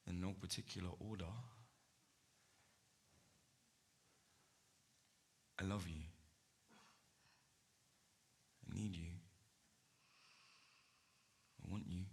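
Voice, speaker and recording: An actor playing an ardent male poet on stage, pouring out love in hushed, intimate tones that swell to fervor. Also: deep voice, a little hiss or hum. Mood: earnest, hushed. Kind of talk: staged theatre performance.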